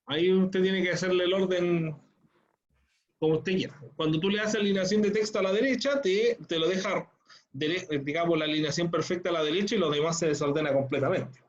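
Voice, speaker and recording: A man's voice: high-pitched, fairly quick, muffled recording. A man teaching an online class. He explains things patiently step by step and often checks in with "¿ya?".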